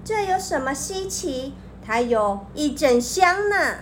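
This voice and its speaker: A woman's voice: high-pitched, very animated, slow pace, slight background noise, heavily acted. A woman voicing a sly, clever young male fox in a children's story, coaxing and boastful.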